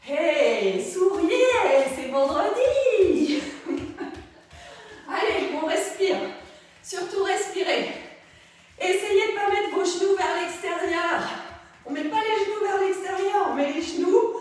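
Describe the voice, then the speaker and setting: High-voiced woman coaching a pilates class, upbeat, lots of repeated cues, far off in a really echoey room. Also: measured pace. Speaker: pilates instructor. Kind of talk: guided workout instruction.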